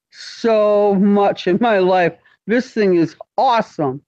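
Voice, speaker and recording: A woman's voice: mid-range voice, a little mellow, dry recording, muffled recording. A woman chatting enthusiastically on a live stream, gushing about a new tool. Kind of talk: casual live stream chat.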